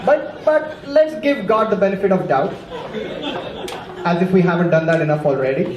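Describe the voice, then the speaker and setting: A man's voice: high-pitched, moderate pace, highs cut off, a crowd in the background. A man from India doing a wry, conversational stand-up routine and acting out voices. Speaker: stand-up comedian. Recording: roomy club with audience noise.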